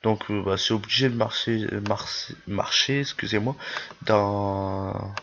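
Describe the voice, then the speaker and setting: A man's voice: lowish voice, fairly even intonation, measured pace, fairly bright tone. Lisping man commenting on gameplay, lo-fi sound. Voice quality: lisp with slushy s sounds. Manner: hesitant, searching for words, repeats himself. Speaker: YouTube gameplay host. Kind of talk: casual game commentary. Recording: dull lo-fi microphone.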